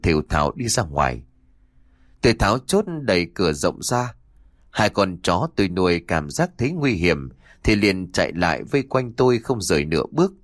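A man narrating a horror audiobook in a slow, dramatic storytelling manner. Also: low-pitched, no echo, studio quality.

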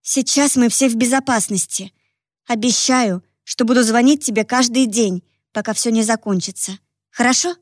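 A woman reading as a determined young woman, earnest and pleading, her voice sitting a little high. The delivery is close and dry, with no room around it. She sounds guilty but does not give ground. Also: normal speed, no echo, close to an everyday voice. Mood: reassuring.

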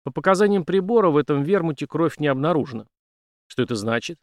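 A man's voice: fairly high pitch, animated, fast talker, no room sound, clean studio sound, pitched above the performer's own voice, natural voice. A man voicing a flustered, bewildered male doctor who sounds aggrieved, in an audiobook.

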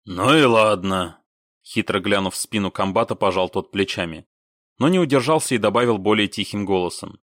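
A man reading a science-fiction war story aloud in a steady, even storytelling voice. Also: lowish voice, fairly quick, no room sound, clean studio sound. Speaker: narrator. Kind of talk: audiobook reading.

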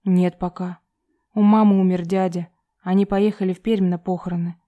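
A woman's voice: lowish voice, level tone, moderate pace, phone-quality sound, close to an everyday voice. A woman reading the lines of a weary pregnant young student in her own voice.

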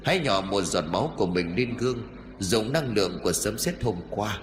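A man voicing an old male sorcerer master whose hushed, urgent voice carries from far away, in an audiobook ghost story. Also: fairly low pitch, expressive, normal speed, roomy sound, noisy background, natural voice.

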